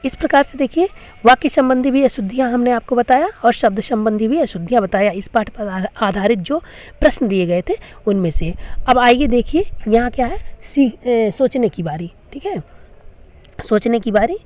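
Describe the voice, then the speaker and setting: A woman's voice: on the high side, expressive, moderate pace, darkish tone. A woman teacher explaining grammar to school students, patiently repeating each question before giving the answer. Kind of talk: classroom grammar lesson.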